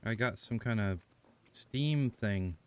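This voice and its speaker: A man's voice: lowish voice, takes it slowly. A man commenting casually on a game as he plays, with wry, sarcastic asides. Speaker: gamer playing and commenting.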